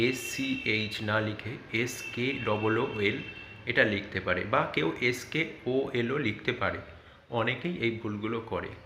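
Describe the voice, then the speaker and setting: A man's voice: medium pitch, sharp tone. A man speaking with a Bengali accent, a teacher patiently explaining to parents how to check a child's spelling, spelling words out letter by letter. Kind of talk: online lesson guidance for parents and tutors. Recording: echoey room with faint background noise.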